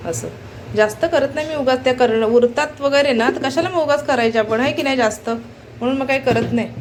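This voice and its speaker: Talking in a high, slightly fast voice, this family vlogger from Konkan in Maharashtra chats casually from her home kitchen. She addresses viewers directly and keeps calling on them to look at what she shows; there's a bit of hiss or hum.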